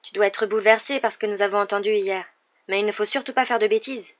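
A woman's voice: mid-range voice, fairly even intonation, fast talker, dull audio, lightly acted. A woman reading aloud, voicing an anxious teenage girl who pleads earnestly with a friend. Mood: concerned. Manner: urgent, pleading.

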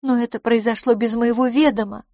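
A woman reading an audiobook and voicing an impulsive, warm young woman in a high, gushing voice. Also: steady tone, fairly quick, no room sound, clean studio sound, close to an everyday voice.

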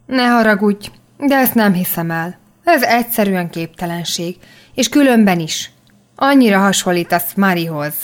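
A woman reading as a wide-eyed, excitable young boy, full of eager questions. The voice is lifted higher and quicker as the questions pour out, in the plain style of a storybook reading. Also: close to an everyday voice. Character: curious, excitable young boy from long ago.

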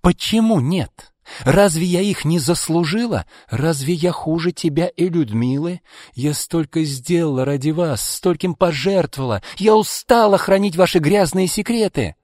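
A shrill, bitter woman hurls accusations in a high, strained voice that leaps and falls, as a man reading a story puts her on. She scolds without letup, spiteful and aggrieved, in a dry, close recording. The reading has the feel of a spoken storybook. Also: huge pitch swings, a little slow, no room sound, in a large hall.

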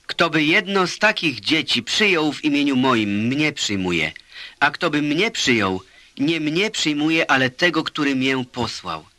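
A man giving a measured, solemn scripted reading of scripture. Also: fairly high pitch, bright, forceful tone, dry recording. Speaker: scripture reader. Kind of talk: scripted Bible narration.

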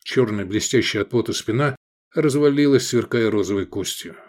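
A man giving steady, vivid scripted narration of an action novel. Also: lowish voice, normal speed. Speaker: audiobook narrator.

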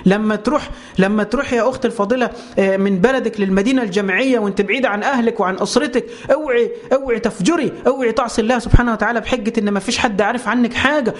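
A man with an Egyptian Arabic accent preaching a religious lesson, firing rhetorical questions and answering them himself with passion. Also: high voice.

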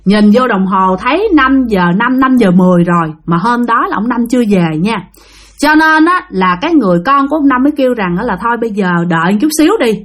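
Woman, casual ghost-story teller, chatty, fairly high voice. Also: animated, brisk. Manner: chatty, addresses listeners directly.

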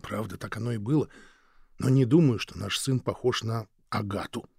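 A man's voice: on the low side, normal speed, vocal fry, a little mellow, breathy edge, no room sound, studio quality. Male reader as a desperate young father: sincere, pleading, unadorned. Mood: gentle. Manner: pleading, earnest.

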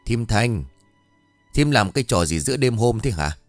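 A man's voice: fairly low pitch, lively intonation, moderate pace, no echo, soft background music. A man voicing a stern older village and clan head who scolds and barks orders. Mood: scolding.

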